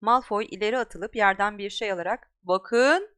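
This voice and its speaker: A woman's voice: mid-range voice, lively intonation, normal speed, a bit bright, clean tone. A woman reading an audiobook as a narrator, telling the story expressively. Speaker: audiobook reader.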